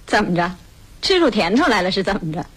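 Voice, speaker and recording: An actress playing a brash, bossy young woman who scolds loudly, with a husky voice and a Beijing accent, in a radio drama. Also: medium pitch, sing-song, quick pace, poor audio. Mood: scolding. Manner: loud, scolding, cajoling.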